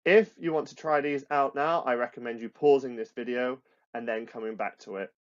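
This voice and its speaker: A man's voice: mid-range voice, brisk, dull audio. British man teaching a lesson. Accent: British English. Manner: explanatory, repeats phrases, frequent restarts and fillers. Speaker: computer science teacher. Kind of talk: recorded classroom lesson with slides.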